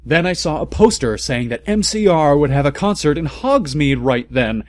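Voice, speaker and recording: Recorded cleanly in a studio with no room sound, a man with a slightly high voice and lively intonation reads fan fiction aloud at normal speed. As a comic reader, he narrates it dramatically and theatrically, interjecting incredulous asides along the way.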